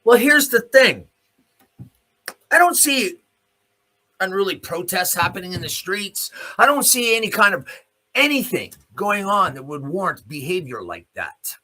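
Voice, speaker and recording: A Canadian show host launches into an opinionated, unscripted rant in a forceful, rough-edged voice whose pitch swings animatedly. Speaking a little slowly, he stays blunt and sardonic, leaning on swearing and pointed rhetorical questions.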